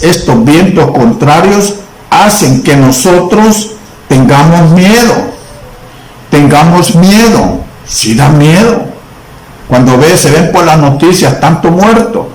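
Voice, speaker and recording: A man from El Salvador preaching a sermon in a church, slow and emphatic with long pauses. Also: on the high side, lively intonation, darkish tone, roomy sound, rough recording.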